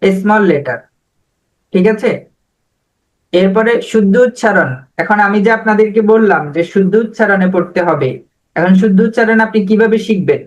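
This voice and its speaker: A man's voice: high voice, normal speed, poor audio. A man teaching an online spoken English class over a video call, patiently drilling letters and words.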